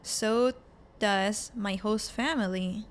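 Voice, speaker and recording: A young Italian woman, a student with a strong Italian accent, speaks reflectively as a guest in a podcast interview conversation. Her voice is medium-pitched and slow.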